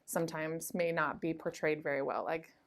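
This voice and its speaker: A woman in her late thirties, a sheriff's deputy, chats through her stories in a relaxed interview. Her voice sits a little low, and she fills her talk with "like" and "um". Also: moderate pace. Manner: chatty, lively anecdotes with frequent "like" and "um". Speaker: school resource officer, deputy. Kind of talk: casual interview storytelling.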